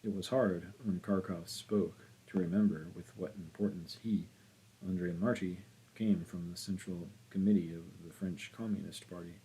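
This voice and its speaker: Deep, husky male audiobook narrator. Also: steady tone, moderate pace, dark tone, poor audio. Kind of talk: scripted literary narration.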